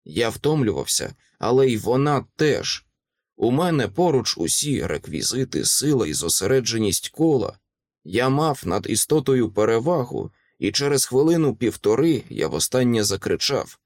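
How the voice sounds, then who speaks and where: A man's voice: medium pitch, very animated, moderate pace, a little mellow, no echo, clean studio sound. A man narrating a first-person audiobook in a dramatic, tense reading.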